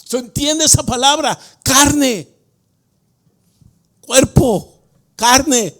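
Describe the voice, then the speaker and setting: A man preaching as pastor of a church, putting questions to the congregation and swinging between quiet explanation and shouted emphasis. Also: extremely high pitch, drawn-out words. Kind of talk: Spanish-language sermon. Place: church sanctuary.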